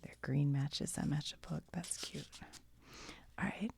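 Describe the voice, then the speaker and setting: For her whispered ASMR show-and-tell, the American host reads aloud and chats loosely, as if musing to the viewer, at a slightly slow pace. Her whisper is low and strongly creaky, with breath that roughens every phrase and blurs the tone.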